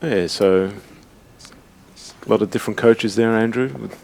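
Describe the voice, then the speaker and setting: A man's voice: on the low side, fairly even intonation, normal speed, creaky, a little mellow. A man from Australia commentating a snooker match live, easygoing and prompting his co-commentator.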